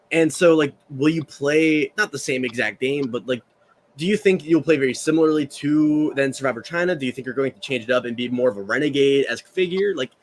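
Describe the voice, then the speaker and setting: A man's voice: medium pitch, slight background noise. A man in his early thirties, a podcast co-host asking long, rambling, enthusiastic questions. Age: 30s. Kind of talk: casual podcast chat.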